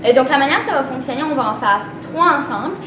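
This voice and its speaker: A young woman with a Canadian French accent teaches tongue-twister drills in a high voice. She is picked up from a distance in an echoey space, with noise behind her. She articulates as a workshop leader demonstrating for learners. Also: expressive. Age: young adult. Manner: articulates tongue twisters, slowly then faster. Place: theatre stage, indoors. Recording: roomy, distant microphone, clear background noise.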